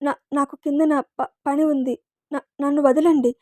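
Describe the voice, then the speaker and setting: A woman's voice: high voice, little pitch movement, moderate pace, warm tone, dry recording, close to an everyday voice. A woman voicing a frightened young woman who stammers and pleads through tears.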